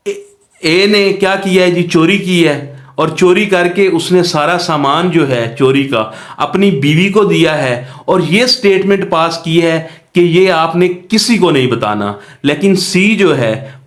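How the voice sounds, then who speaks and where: In an echoey room, a man with a Pakistani accent gives an explanatory law lecture with worked examples, posing questions and answering them himself in a didactic manner. His voice is a little high and his pace slow.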